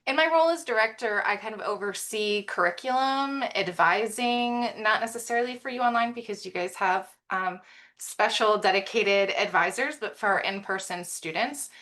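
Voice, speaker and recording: A woman speaking on a video call with a bright, clear voice. She talks in an easy, chatty way and jokes about herself as she explains her work. She uses plenty of fillers. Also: mid-range voice, normal speed. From Miami. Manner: chatty, self-deprecating, many fillers. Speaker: graduate program director. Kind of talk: casual online info session talk.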